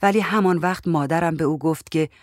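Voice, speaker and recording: A woman's voice: deep voice, no room sound, clean studio sound. A woman reading a story aloud in the first person, in a conversational, plainspoken telling. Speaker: audiobook reader.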